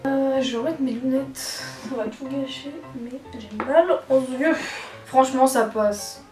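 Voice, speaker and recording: A woman's voice: sits high, steady tone, measured pace. A young woman bantering casually while doing her makeup, teasing and using slang. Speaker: vlogger. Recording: echoey room, distant mic, faint music.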